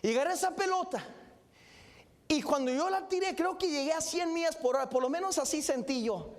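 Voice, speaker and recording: A man, a pastor telling a story in a sermon in an animated, dramatic way with exclamations. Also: extremely high pitch, brisk. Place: church sanctuary.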